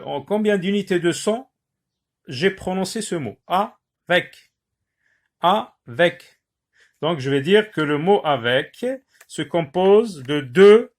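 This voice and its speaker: A male teacher giving a lesson on syllables, repeating words slowly and pausing often with hesitations. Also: fairly high pitch, fairly bright tone. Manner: slow, drawn-out word repetitions with many "euh" pauses. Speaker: primary school teacher.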